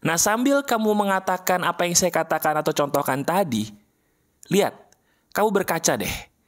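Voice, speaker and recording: A man giving a motivational talk straight to his viewers in a casual coaching tone, repeating key phrases slowly for emphasis. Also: high voice, lively intonation. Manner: casual, coaching tone, addresses listener directly. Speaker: motivational speaker. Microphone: voice-over for an animated video.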